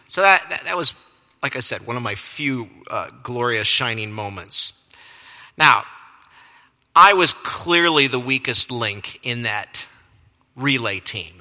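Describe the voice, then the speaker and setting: Bright-voiced male preacher in a reverberant hall. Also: medium pitch, expressive, takes it slowly, long pauses. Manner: self-deprecating storyteller, chuckles at himself. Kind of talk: sermon with personal story. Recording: long reverb of a large hall.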